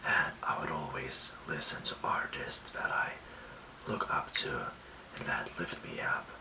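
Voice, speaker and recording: A young man from Lithuania, giving soft, reassuring self-care tips in a whispered ASMR talk. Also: very deep voice, creaky, reverberant, recorded from a distance, rough recording. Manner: soft, slow and gently reassuring. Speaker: ASMR host.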